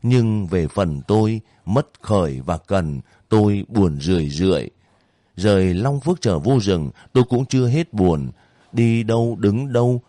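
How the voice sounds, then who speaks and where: Guy reading a war novel out loud, lowish mellow voice, dry close sound. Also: no room sound. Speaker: audiobook narrator.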